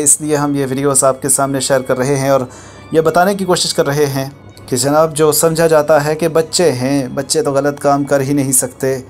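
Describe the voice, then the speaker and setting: A man's voice: a little high, a little mellow. A man narrating a voice-over commentary in a preachy, lecturing tone, using formal religious phrasing. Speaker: channel host narrating a viral video.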